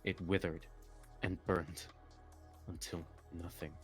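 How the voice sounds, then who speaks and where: With a low-sitting, flat voice and slow pace, a reader works through fan fiction as faint music plays. Despite the flat delivery, the narration is melodramatic, dotted with laughter and comic asides.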